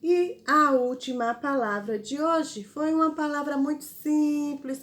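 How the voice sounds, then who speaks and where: A woman teacher, giving a spelling lesson to children slowly and patiently, spelling out syllables. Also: high voice, a little hiss or hum. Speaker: primary school teacher.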